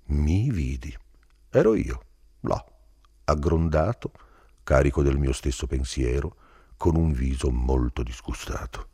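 Male reader, extremely low voice, husky, dry close sound; dramatic delivery that drops to whispers. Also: dry recording. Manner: theatrical, drops into whispers and swells louder. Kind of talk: dramatic literary reading.

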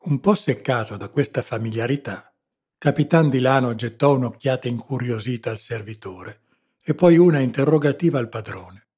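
Husky man, measured narration, literary audiobook. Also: mid-range voice, a little mellow.

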